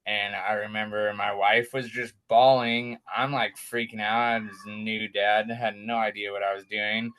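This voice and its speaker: A young man, a guest father, telling his story in a casual, animated way and acting out the quotes. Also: moderate pace, few pauses. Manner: animated, acts out quotes with raised pitch.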